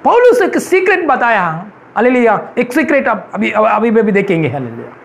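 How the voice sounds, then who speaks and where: A male pastor preaching with insistent, repeated hallelujahs. His voice sits unusually high for a man. It is a church sermon, earnest and emphatic throughout. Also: sing-song, moderate pace, gravelly.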